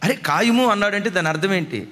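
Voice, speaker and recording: High-pitched impassioned Telugu pastor. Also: male voice, animated, a little fast, pushed and bright. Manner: impassioned preaching, acting out quotes of a weeping mother. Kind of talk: sermon. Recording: long hall reverb from a church.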